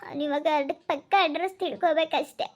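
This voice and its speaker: Young village woman, regretful, rambling, voiced by a woman, high-pitched. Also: fairly even intonation, fast talker, dull audio, lightly acted. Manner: rambling, wistful.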